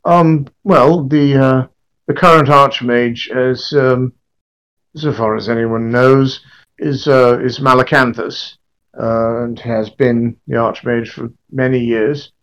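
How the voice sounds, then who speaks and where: A man's voice: medium pitch, steady tone, takes it slowly, fairly bright tone. Man playing a hesitant, miserable scribe. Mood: hesitant, gloomy. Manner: hesitant, stammering, apologetic. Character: miserable, timid, down-on-his-luck male scribe. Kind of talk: tabletop role-play.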